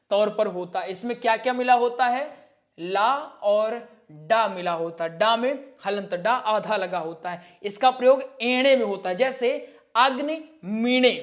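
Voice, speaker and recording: A man teaching Sanskrit pronunciation in a slow spoken lesson, drawing out syllables and asking his viewers questions. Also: extremely high pitch. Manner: drawn-out, deliberate syllables, repeating rules and asking the viewers questions.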